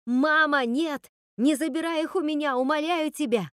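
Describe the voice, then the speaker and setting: A woman's voice: moderate pace, fairly bright tone, dry recording, clean studio sound. A woman voicing a fierce young witch girl. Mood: pleading. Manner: urgent, pleading, high-strung. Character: young witch girl defending her sisters.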